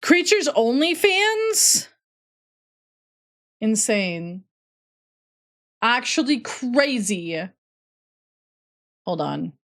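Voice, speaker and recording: A woman's voice: medium pitch, gravelly. A woman livestreaming games, chatting casually with chat in a playful gamer-girl way full of slang. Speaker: streamer and host.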